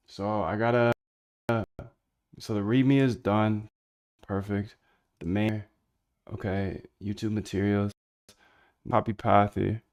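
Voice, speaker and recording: This man's voice is on the low side with a darkish tone. He streams a casual screen-share, working away while rambling to chat in slangy language.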